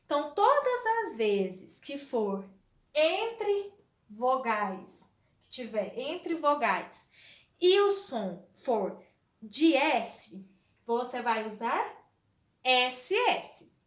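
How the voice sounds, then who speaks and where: A woman teaching a recorded spelling lesson to young children, talking slowly in a sing-song way and asking questions she answers herself. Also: high-pitched, sing-song. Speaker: primary school teacher. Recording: echoey room, voice off-mic.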